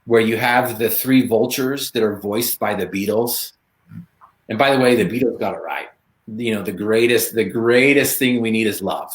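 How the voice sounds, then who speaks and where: A man giving a motivational talk as a guest speaker, lively and storytelling, acting out bits of dialogue. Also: lowish voice. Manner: animated storyteller, acts out dialogue in quick voices. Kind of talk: motivational talk on a live stream. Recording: echoey room.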